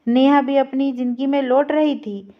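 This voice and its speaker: A woman storyteller narrating an emotional story in a steady, sorrowful reading style. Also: high-pitched, moderate pace. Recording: slightly dull lo-fi recording.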